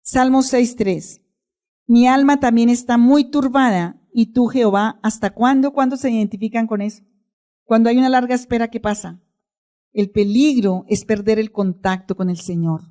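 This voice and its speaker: A woman's voice: a little high, moderate pace, warm tone. A middle-aged woman preaching a sermon, asking her congregation questions and answering them herself.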